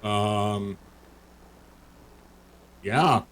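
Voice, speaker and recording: A man's voice: lowish voice, very slow, poor audio. A man hosting a game playthrough with casual commentary and wry, joking asides. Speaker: gaming video host.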